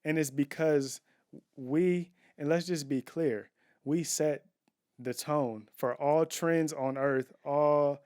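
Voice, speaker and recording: A man's voice: a little high, steady tone, slow, darkish tone, no room sound, studio quality. A man co-hosting a casual couples podcast from home, talking in an opinionated, emphatic way. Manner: opinionated, emphatic, restarts and fillers. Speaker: podcast co-host. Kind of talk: casual chat.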